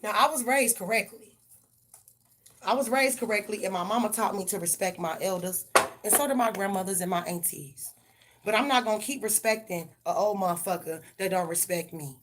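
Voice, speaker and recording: A woman's voice: mid-range voice, a little fast, noisy background. A woman giving a live tarot reading and ranting bluntly, with heavy profanity. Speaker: tarot reader.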